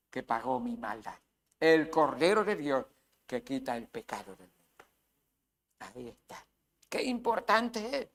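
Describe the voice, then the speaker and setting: A man's voice: high-pitched, a bit bright. A man with a Spain Spanish accent preaching a sermon as pastor, emphatic, with rhetorical questions and acted asides.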